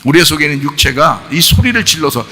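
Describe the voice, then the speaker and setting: A male pastor preaches with a high, lively voice that leaps up and down in pitch. His tone is bright and forceful, and he fires questions at the congregation and bursts into shouts. A long hall reverb trails behind him. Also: fast talker. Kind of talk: sermon. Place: church sanctuary.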